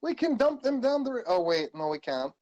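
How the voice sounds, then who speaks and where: A man's voice: very high voice, sing-song, fairly quick, darkish tone, dull audio. A man arguing in character at a tabletop game, his voice swinging up and down as he pushes his point. His put-on Russian accent slips in and out. He talks stubbornly and keeps cutting in. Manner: argumentative, with a put-on Russian accent that comes and goes. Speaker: player. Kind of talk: in-character tabletop role-play.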